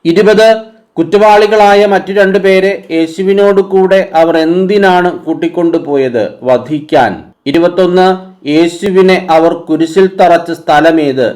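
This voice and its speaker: A man reading numbered Bible quiz questions aloud, each answer given right after in a lower, calmer tone. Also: a little slow. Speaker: quiz reader.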